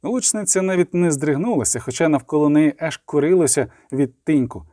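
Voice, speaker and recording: A man reading scripted fantasy narration with steady, vivid storytelling, close to the mic. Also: on the high side, brisk, dry recording. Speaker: audiobook narrator.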